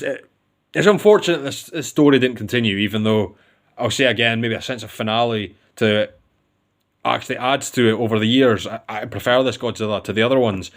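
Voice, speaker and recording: A man's voice: mid-range voice, a bit bright. A man giving a casual, rambling film review with enthusiasm, often restarting his sentences.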